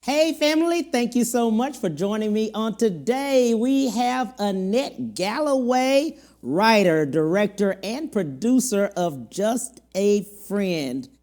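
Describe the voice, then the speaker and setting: A woman's voice: mid-range voice, expressive, slow, few pauses, darkish tone. A woman hosting a talk show, upbeat and affirming, often agreeing with her guest. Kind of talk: casual interview talk.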